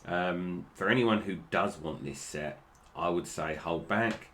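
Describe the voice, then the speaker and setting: A man's voice: deep voice, measured pace, a bit bright. A British man giving casual, unscripted toy review commentary, with slightly slurred, toothless articulation that stumbles over names.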